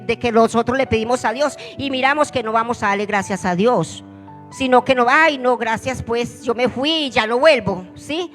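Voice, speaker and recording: A woman's voice: a little high, a bit bright, in a large hall. A woman church leader preaching a fervent sermon and putting questions to the congregation.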